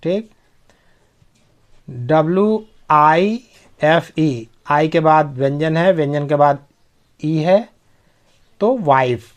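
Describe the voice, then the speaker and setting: Male teacher, slightly high voice, slow and methodical, spells out and repeats every word. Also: expressive. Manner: spells words letter by letter, repeats each word, checks understanding. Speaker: English pronunciation teacher. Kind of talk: spelling-out pronunciation lesson.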